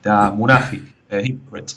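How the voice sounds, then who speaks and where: A guest caller from the Canary Islands, Spain, tells his story in casual personal testimony, with a Spanish-influenced English accent. He speaks haltingly and repetitively, full of "like, you know," in a voice on the low side, steady in tone and a bit bright.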